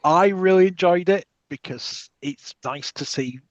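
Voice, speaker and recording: A man's voice: high-pitched, unhurried, no echo. British guy hosting a chatty podcast, lots of ums, kinda muffled mic. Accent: British English. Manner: relaxed, rambling with many ums. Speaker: podcast host. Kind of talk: casual chat. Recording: dull lo-fi mic.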